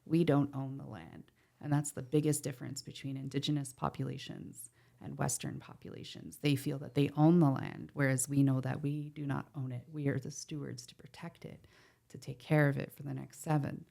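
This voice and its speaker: A woman with a very deep, mellow voice speaks at normal speed in a level tone with vocal fry. She's an Ontario, Canada guest in a podcast conversation on a podcast mic, earnestly and passionately discussing water protection with wry asides.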